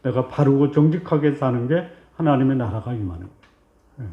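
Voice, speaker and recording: A male pastor preaching a Sunday sermon in a reverberant sanctuary, on a slightly dull, muffled recording. His voice sits at an ordinary middle pitch. He keeps asking the congregation questions and answering them himself, sometimes acting out short back-and-forths between God and a believer. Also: expressive, brisk. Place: church sanctuary.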